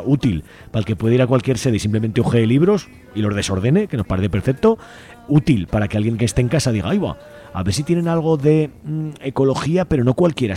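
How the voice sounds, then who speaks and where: In a casual spoken radio interview, a guest from a community library collective talks with a Spanish-from-Spain accent, enthusiastic and colloquial. He rambles and frequently looks for agreement, his mid-range voice carrying a dark tone.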